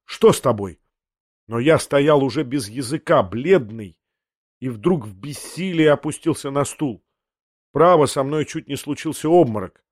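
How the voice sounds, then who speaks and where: Expressive male audiobook narrator, dry sound. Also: mid-range voice, no room sound. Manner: measured, expressive storytelling.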